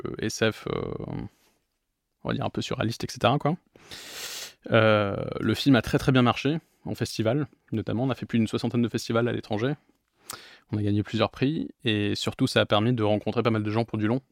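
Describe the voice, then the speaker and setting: A man's voice: fairly low pitch, no room sound, studio quality. A young man from England, a filmmaker guest in a casual interview, giving long rambling answers.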